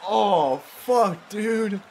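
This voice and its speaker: A man's voice: sits high, extremely slow, gravelly, a little mellow, a little hiss or hum. A young man in casual reaction chat, sweary and often breaking into laughter. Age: young adult. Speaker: reaction video host.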